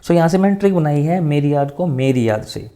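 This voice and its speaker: A man teaches vocabulary in a relaxed, steady way, with a gravelly edge in a dark, mellow voice. He says each new word several times in a row and checks in with listeners after almost every point. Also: a little high, brisk. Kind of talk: Hindi vocabulary lesson with memory tricks.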